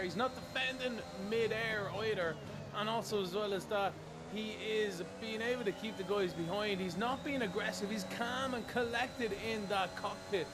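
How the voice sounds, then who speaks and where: A man giving live racing commentary as an excitable motorsport commentator. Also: sits high, noisy background. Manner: motorsport commentator delivery, building excitement on moves.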